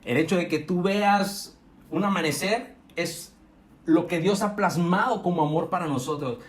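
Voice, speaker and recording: Earnest high-voiced preaching man. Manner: earnest, rises and slows for emphasis, frequent self-corrections. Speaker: youth pastor. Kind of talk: sermon. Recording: echoey room.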